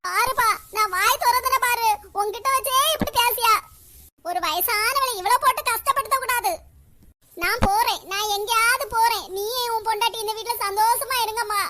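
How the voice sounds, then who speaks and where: A very high, shrill cartoon mother-in-law, played by a performer who wails and plays the martyr in a Kanyakumari Tamil accent. Her voice is bright and piercing, and she is endlessly self-pitying and dramatic. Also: moderate pace. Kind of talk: cartoon voice acting.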